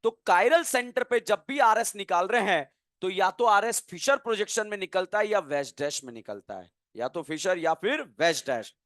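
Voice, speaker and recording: A man teaching chemistry in a lively classroom lecture, playfully quizzing students with call-and-response questions. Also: high voice, moderate pace, few pauses, no echo, clean studio sound.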